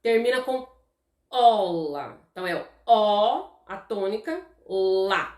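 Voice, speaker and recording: In an echoey room, a Brazilian woman with a mid-range, darkish voice teaches an animated live online class. Her Brazilian Portuguese-accented delivery is slow and patient, and she chats with viewers, frequently checking "tá?"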